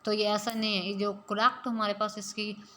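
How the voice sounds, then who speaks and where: Over a faint background hiss, a woman teaching spoken English explains things patiently and step by step, slipping English phrases into what she says. Her pitch is middling and her delivery flat, at a moderate pace with a slightly bright tone.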